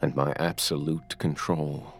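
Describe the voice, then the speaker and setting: An actor playing a creepy, obsessive male captor who gloats slowly and menacingly over his prisoner in a horror audio drama. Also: extremely low pitch, flat delivery, soft background music, heavily acted. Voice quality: gravelly.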